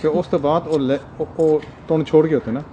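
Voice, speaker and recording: A woman interviewer prompting with short questions and soft "hmm" backchannels. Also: low-pitched, steady tone, fast talker. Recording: loud crowd noise behind.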